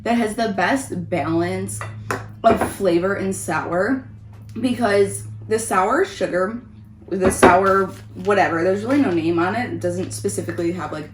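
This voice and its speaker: A woman talks casually through a taste test, like a vlog host. Her voice is mid-pitched and sits in an echoey room with faint background noise. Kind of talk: casual chatty food review. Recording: roomy echo, background noise.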